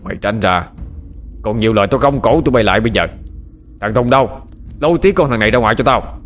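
A man's voice: fairly low pitch, lively intonation, fast talker, a little hiss or hum, natural voice. A man doing a leering, bullying village official. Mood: domineering. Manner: domineering, threatening, then falsely sweet. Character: lecherous cruel village official, middle-aged man.

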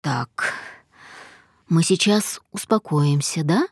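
A woman reading a controlling husband in a lowered, slow, stern voice for an audiobook. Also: lively intonation, husky, no room sound, clean studio sound, exaggerated voice. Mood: soothing. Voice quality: low, measured, slow and stern. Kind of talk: audiobook character voice.

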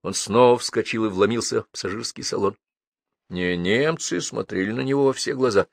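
A man reading an audiobook in a lively, dramatic narration style. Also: fairly low pitch, moderate pace, creaky, no echo. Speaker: audiobook reader.

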